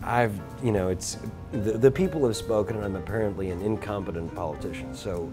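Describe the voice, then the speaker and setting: Animated storytelling man guest. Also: fairly low pitch, brisk, music in the background. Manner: animated, frequent restarts. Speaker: interview guest. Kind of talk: casual chat, storytelling.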